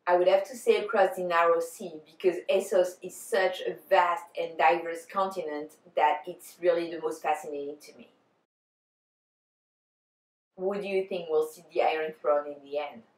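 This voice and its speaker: A woman's voice: on the low side, steady tone, unhurried. A woman vlogger giving semi-scripted talk to camera in an articulate, bookish way. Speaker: vlogger answering fan tag questions. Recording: echoey room.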